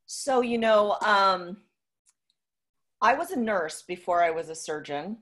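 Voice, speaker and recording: A woman's voice: medium pitch, lively intonation, slow pace, fairly bright tone. A woman surgeon guest telling her story emphatically, often adding "right?" tags. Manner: emphatic, frequent tag questions. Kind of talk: storytelling in an interview.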